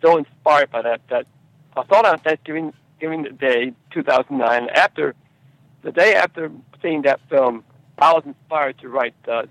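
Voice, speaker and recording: Speaking in a mid-range voice, this screenwriter answers interview questions conversationally but haltingly, often repeating himself. The low-quality recording carries no echo.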